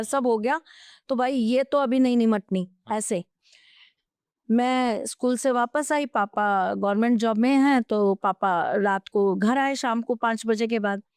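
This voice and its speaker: A woman speaks as a guest on a podcast, with a smooth, resonant voice that sits a little high. She gives earnest advice and tells stories from her own life. The room sound is dry and close. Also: no room sound. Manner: animated storytelling, anecdotes from her own life; advising, earnest. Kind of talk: podcast interview.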